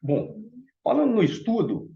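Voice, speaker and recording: A man's voice: high-pitched, huge pitch swings, a little slow, mellow, highs cut off. A man from Salvador with a Bahian Brazilian accent, giving a reflective talk as a panel speaker and addressing the audience directly with many asides. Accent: Bahian Brazilian Portuguese. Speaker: panel speaker at a Theosophical meeting.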